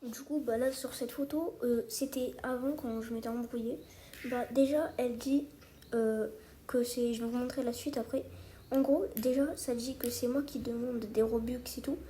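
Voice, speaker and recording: Casting: youngster for casual creator commentary, soft dark tone, hesitant informal delivery, slightly noisy recording. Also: medium pitch, fairly even intonation, moderate pace. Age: child or young teenager. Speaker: video creator addressing subscribers. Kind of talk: casual spoken commentary to subscribers.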